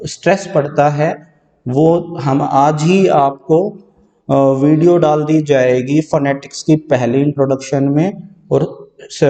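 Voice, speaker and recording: Gravelly man teaching in an echoey room. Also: fairly high pitch, mellow. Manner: explains step by step, repeats key words, frequent "theek hai". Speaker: English teacher. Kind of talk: exam-prep lecture. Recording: distant mic in a reverberant room.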